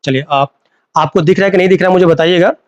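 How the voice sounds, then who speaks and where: Male teacher, live class on a phone, a bit high-pitched, dry close sound, repeats terms as questions. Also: fast, no echo, highs cut off. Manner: repeats key terms as questions to students, mixes Hindi and English.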